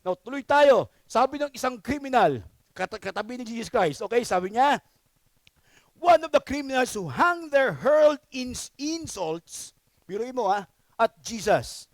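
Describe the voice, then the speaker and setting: A man's voice: very high voice, sing-song, measured pace, dry recording. A man preaching a sermon as pastor, emphatic and often checking in with the congregation.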